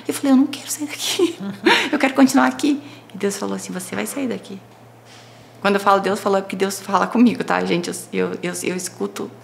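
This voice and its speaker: Brazilian woman, podcast guest, creaky gravelly tone, expressive testimony with acted-out dialogue, faint background noise. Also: medium pitch. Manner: expressive storytelling, acting out dialogue. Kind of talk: personal faith testimony in casual conversation.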